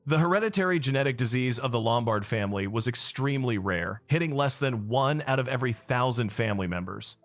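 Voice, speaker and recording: A man's voice: medium pitch, fairly quick, hardly any pauses, a bit bright, no echo. A man narrating a dramatic story recap in the first person.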